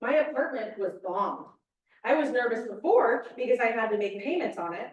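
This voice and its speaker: A woman reads a play aloud in a pushy, blunt way. Her voice is slightly high. The recording is distant and roomy. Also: expressive, moderate pace, muffled recording. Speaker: actor in a staged reading, playing a housewife. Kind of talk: stage play reading. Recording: echoey room, distant mic.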